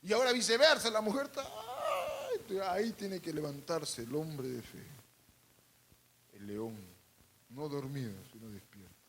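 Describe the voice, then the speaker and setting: A man preaching a sermon to a congregation, calling out for responses, adding humorous asides, and swinging between loud and hushed. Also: fairly high pitch, lively intonation, normal speed, a little hiss or hum. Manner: calls out to the congregation and asks for responses. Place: church service.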